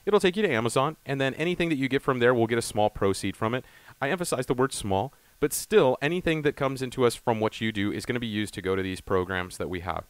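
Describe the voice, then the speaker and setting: A man hosts a casual podcast with a quick, rambling, upbeat way of talking. His voice sits at an ordinary pitch. The recording is dry and close, with no room sound. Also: lively intonation, smooth, dry recording. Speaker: podcast host.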